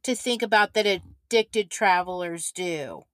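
A woman co-hosting a casual chat, speaking in slow, deliberate, measured phrases. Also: lowish voice, a bit bright, no room sound. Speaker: podcast co-host.

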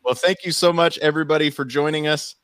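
A man's voice: on the high side, steady tone, fast, fairly bright tone, no echo, clean studio sound. A man hosting a podcast, wrapping up an episode with upbeat thanks to his guests. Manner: grateful, upbeat wrap-up. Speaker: podcast host. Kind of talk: casual chat.

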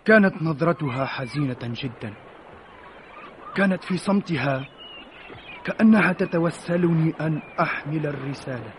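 An actor in an old Arabic radio drama playing an earnest, anxious, deferential soldier, speaking formally. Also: male voice, fairly high pitch, normal speed, pauses often, a little hiss or hum, natural voice. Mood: shy. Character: earnest, anxious, respectful young male soldier.

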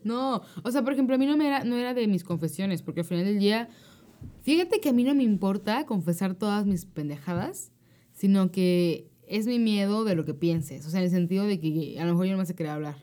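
A woman's voice: mid-range voice, fairly quick. A young Mexican woman co-hosting a podcast, telling stories in casual, slangy chat. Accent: Mexican Spanish. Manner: slangy, animated storytelling. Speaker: podcast co-host.

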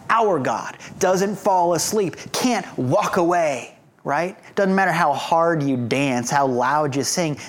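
A preacher giving a sermon, retelling a Bible story in a casual, joking, conversational way. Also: mid-range voice.

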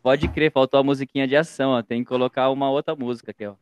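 A man's voice: mid-range voice, fairly even intonation, rapid-fire, very noisy. A man bantering and teasing in casual podcast chat.

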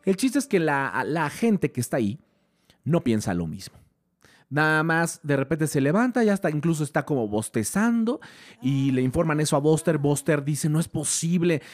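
A man with a Mexican accent retelling a film in an animated, chatty way, full of fillers. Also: fairly high pitch, moderate pace. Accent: Mexican Spanish. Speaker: film commentator.

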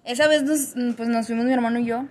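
A woman's voice: fairly high pitch, fast talker. A young woman with a Mexican Spanish accent, telling a story in a casual chat and acting out the dialogue with frequent laughs. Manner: animated, acts out quoted dialogue, laughs often. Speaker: podcast co-host telling a story.

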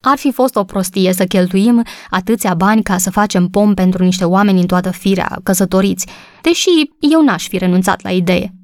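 A kind, sunny young wife from a storybook, talking with bright eagerness, voiced by a woman reading aloud. The recording is dry and close, with no room sound. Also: medium pitch, no echo, natural voice. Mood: cheerful.

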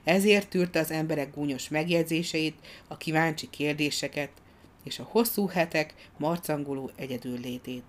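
Woman narrator with a low voice, reading a children's storybook expressively, measured delivery. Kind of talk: audiobook narration.

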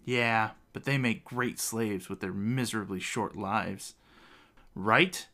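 A man's voice: lowish voice, takes it slowly, sharp tone, exaggerated voice. A man voicing a sneering male merman raider with shark teeth, who talks in a mocking, taunting way.

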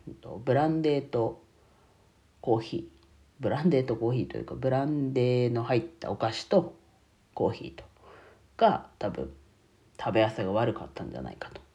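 A man's voice: medium pitch, expressive, brisk, vocal fry, long pauses, dark tone. A man with a nasal voice, congested from a cold, chatting casually to his listeners as a solo streamer. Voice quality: nasal, stuffy-nosed. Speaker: bookkeeping YouTuber and streamer.

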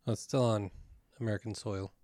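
A man's voice: on the low side, fairly even intonation, fairly quick, a little mellow, dry recording. A man raised in Wisconsin after being born in Texas, co-hosting a podcast in a dry, matter-of-fact way. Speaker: podcast co-host. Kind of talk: casual chat.

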